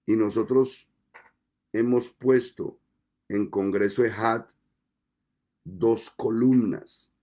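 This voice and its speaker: A man preaching a sermon as pastor, speaking deliberately with measured pauses between phrases. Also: fairly low pitch, dark tone.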